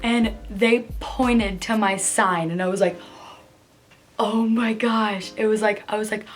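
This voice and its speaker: A woman rambles through a casual storytime vlog, piling up fillers as she goes. Her voice sits at an ordinary middle pitch and leaps up excitedly whenever she acts out what friends said. Faint music plays underneath. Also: normal speed. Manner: chatty, filler-heavy telling with many "like"s; excitable, jumps high when quoting voices. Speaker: vlogger.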